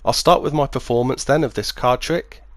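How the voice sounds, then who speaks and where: A man speaking as a magician, demonstrating and explaining a card trick step by step in clear, measured phrases. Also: mid-range voice, dry recording. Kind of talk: instructional demonstration, patter and explanation.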